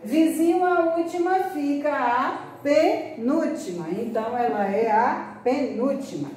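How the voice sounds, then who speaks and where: A Brazilian Portuguese-speaking woman teaching a primary school class, drawing out syllables slowly and patiently for children. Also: high-pitched, darkish tone. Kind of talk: recorded class lesson. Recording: very echoey room.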